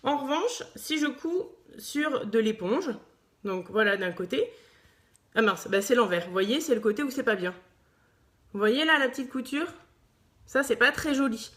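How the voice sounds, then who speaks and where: A woman's voice: on the high side, lively intonation, normal speed, fairly bright tone. Chatty French sewing teacher, woman. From France. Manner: chatty, thinks aloud with many fillers, greets viewers. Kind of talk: live sewing tutorial. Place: sewing room at her machine.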